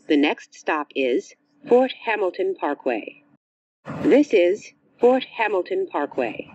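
Man, train announcer, spliced-together recorded words, slow measured delivery, pitch jumps between words, dry muffled train speaker sound. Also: no room sound. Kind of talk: prerecorded transit announcements.

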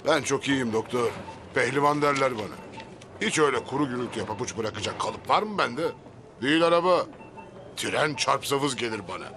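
A man's voice: medium pitch, lively intonation, a little fast, noisy background, lightly acted. An actor playing a hot-tempered, boastful grandfather in his fifties who has been hurt in a car crash. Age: 50s. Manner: shouting, threatening. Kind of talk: TV drama acting.

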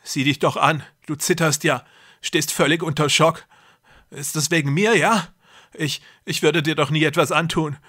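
A man voicing a cruel, deluded young man who believes he is a god, speaking loudly and feverishly. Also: fairly high pitch, steady tone, normal speed, pitched above the performer's own voice. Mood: raving menacing. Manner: loud, intense, feverish delivery.

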